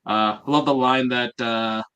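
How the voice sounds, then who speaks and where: A man hosting a casual podcast, talking in an unpolished, rambling way. His voice is mid-pitched and ordinary. He fills pauses with lots of "uh"s as he recaps. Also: fairly even intonation, a bit bright, smooth. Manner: rambling, filler-heavy, many "uh"s. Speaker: podcast host.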